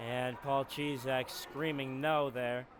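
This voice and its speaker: Excitable male basketball play-by-play caller. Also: medium pitch, slow pace. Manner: excitable, rises into shouts on big plays. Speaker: play-by-play commentator. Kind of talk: live basketball commentary. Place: arena skybox. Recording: noisy arena broadcast.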